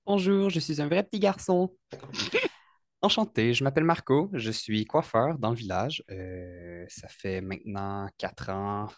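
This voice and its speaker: A man in his thirties with a Quebec French accent, a hairstylist guest talking in a relaxed, hesitant way with fillers. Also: mid-range voice, a little slow, no echo, studio quality. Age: 30s. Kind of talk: casual interview.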